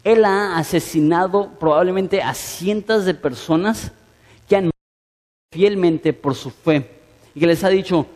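A man's voice: sits high, unhurried, a little mellow. A man preaching a sermon in an earnest way, asking his listeners direct questions. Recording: long hall reverb.

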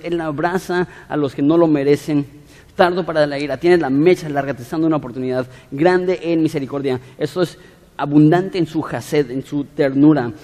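A man's voice: a little high, warm tone. A man preaching a sermon, explaining word meanings with everyday examples to a congregation. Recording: long hall reverb.

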